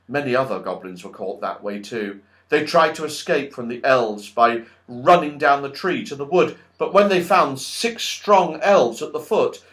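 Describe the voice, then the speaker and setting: A man narrates a children's audiobook in a storytelling style that is expressive, dramatic and emphatic, his voice a little high.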